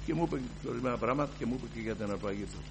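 A man giving a fervent personal testimony to a congregation, moving from hushed storytelling to loud declarations. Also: mid-range voice, creaky, noisy background. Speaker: church member giving testimony.

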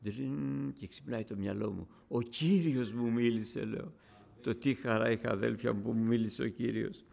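A man preaching a sermon to his congregation, fervent and rising to loud, passionate calls. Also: medium pitch, steady tone, gravelly. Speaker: radio broadcaster.

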